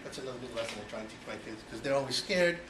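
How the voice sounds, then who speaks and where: A man's voice: medium pitch, very fast. A Cuban-born man in his forties giving a personal speech to an audience, chatty and full of you-knows. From Cuba. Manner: conversational, many you-knows, rhetorical questions. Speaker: speaker giving an icebreaker speech. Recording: echoey room, voice from far off, noisy.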